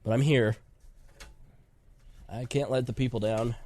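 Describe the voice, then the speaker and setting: Congested with a cold, a man hosts a laid-back podcast, chatting and rambling and often interrupting himself. His warm, medium-pitched voice keeps a fairly even intonation and moves a little slowly.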